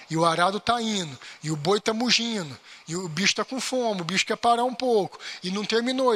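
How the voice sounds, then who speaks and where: A man from Brazil, preaching a lively baptism class sermon and acting out everyday complaints. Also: sits high. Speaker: pastor.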